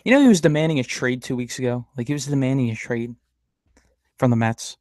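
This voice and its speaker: A man's voice: mid-range voice, expressive, fairly quick, a little mellow, dry recording. A man hosting a casual podcast, rambling and stammering as he rants about sports rivals. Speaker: podcast host. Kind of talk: casual live-stream chat.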